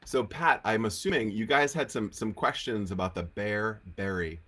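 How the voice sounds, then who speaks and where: Low-pitched man, Rhode Island accent, nasal congested tone, casual Q&A host, conversational explanations. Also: normal speed, pushed and bright. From Rhode Island, United States. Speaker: host of a live Q&A. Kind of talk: casual spiritual teaching, answering viewer questions. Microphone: on camera with lighting setup.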